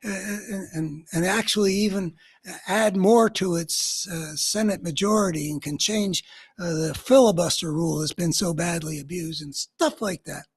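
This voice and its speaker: A man with a somewhat husky, slightly breathy voice talks through a political commentary monologue as a radio host. He sounds earnest and searching, working his thoughts out aloud in long, winding sentences. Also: sits high, normal speed.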